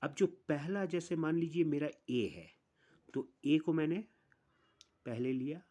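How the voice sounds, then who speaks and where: Speaking in a slightly high, mellow voice, a man walks through music theory one step at a time. He goes slowly and deliberately, counting each note aloud in turn.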